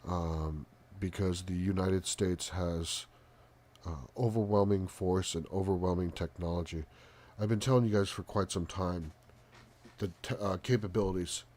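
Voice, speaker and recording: A soft-spoken man hosting a live stream with casual commentary, halting often with pauses and ums. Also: sits low. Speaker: live talk show host.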